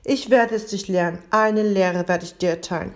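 A woman voicing an angry, wealthy man who shouts and blusters in a storybook reading. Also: mid-range voice, moderate pace, close to an everyday voice. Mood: furious.

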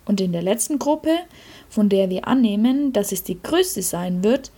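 A fussy old saint who guards heaven's gate, put on by a woman reading a storybook. He announces orders briskly in a raised voice that stays dark and slightly husky. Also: medium pitch, animated. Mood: announcing.

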